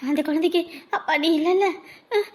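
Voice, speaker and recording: A woman's voice: very high voice, a little fast. A woman playing an anguished village mother in a family drama, scolding and pleading emotionally. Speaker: mother of the groom. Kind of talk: Tamil family drama acting.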